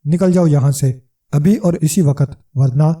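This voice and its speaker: A man's voice: fairly high pitch, mellow, recorded from a distance, close to an everyday voice. A man voicing a boastful, scrawny male trickster who blusters and flares up in anger, in a storybook reading.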